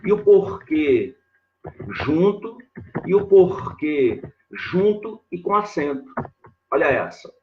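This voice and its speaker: A man teaching grammar in a live online lesson, talking slowly and repeating himself as he points things out on a board. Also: on the high side, very animated, highs cut off, a little hiss or hum. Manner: slow and repetitive, constantly saying "ó" and "olha lá" while writing on a board.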